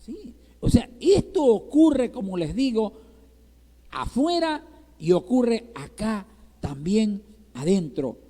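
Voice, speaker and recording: A man's voice: high-pitched, sing-song, takes it slowly, dark tone. A male pastor from Ecuador preaching a sermon in Ecuadorian Spanish, asking the congregation rhetorical questions and checking with them again and again. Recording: reverberant church hall.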